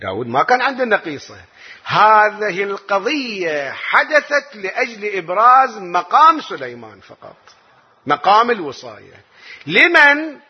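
A man's voice: high voice, sing-song, moderate pace, husky. A man with an Iraqi Arabic accent giving a lesson explaining the Quran, asking rhetorical questions and answering them himself. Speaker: religious teacher. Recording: dull lo-fi recording.

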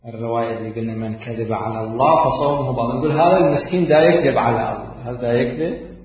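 A man's voice: medium pitch, racing, darkish tone, far from the mic. A man with an Iraqi Arabic accent teaching a religious law lesson, explaining in a lilting, half-chanted way and drawing out words. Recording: very echoey room, voice from off the mic.

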